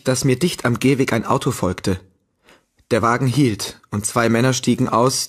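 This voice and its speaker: A man reading a novel aloud in the first person, with a measured, steady storytelling delivery. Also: medium pitch. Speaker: audiobook narrator. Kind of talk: scripted first-person audiobook narration.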